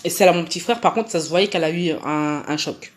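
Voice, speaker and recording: A woman's voice: on the low side, fast. A woman narrating a personal story in casual slang, chatty and full of fillers, hosting her own channel. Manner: slangy, chatty, acts out dialogue.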